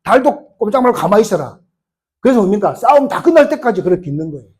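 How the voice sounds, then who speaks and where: Male pastor preaching, husky voice, pitch swinging all over, keeps asking the crowd questions. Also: fast talker. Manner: animated, fires rhetorical questions at the congregation. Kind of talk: sermon.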